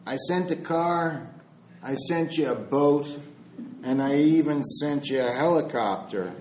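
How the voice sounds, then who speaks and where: A man voicing God, who patiently sets things straight in a measured way, in a roomy echo. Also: a little high, a little mellow, a little hiss or hum, lightly acted. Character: patient God, gently chiding the priest.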